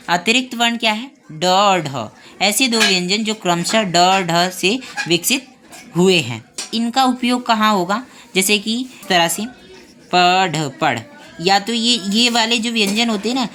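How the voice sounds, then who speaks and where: A woman teaching a grammar class online, explaining step by step and pausing to check the class is following. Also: lowish voice, fairly bright tone. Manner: spells out sounds slowly, one by one.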